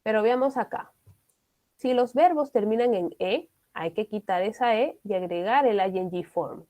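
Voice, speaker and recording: A woman's voice: mid-range voice, normal speed, mellow. A woman, teaching an online English class. She explains step by step and often checks in with her students.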